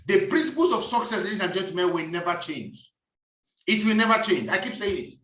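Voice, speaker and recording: Emphatic man, high and bright. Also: animated, fairly quick, distant mic. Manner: preachy, emphatic, repeats key phrases. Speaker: business speaker. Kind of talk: motivational business talk. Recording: echoey room, voice off-mic.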